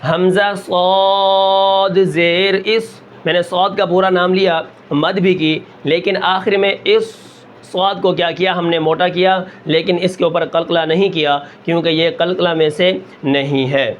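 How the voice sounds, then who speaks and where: A man with a Pakistani Urdu accent teaching Quran reading, drawing out each example syllable slowly and then asking and answering his own questions. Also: a little high, steady tone, muffled recording, a little hiss or hum. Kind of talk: slow drilled lesson with rhetorical questions.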